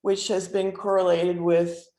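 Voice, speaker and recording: A woman instructor giving an informal guided relaxation lesson, speaking haltingly with many pauses. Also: lowish voice, level tone, warm tone. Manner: halting, hesitant, with frequent pauses and throat clearing. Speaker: instructor leading a breathing exercise. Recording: roomy, echoing sound.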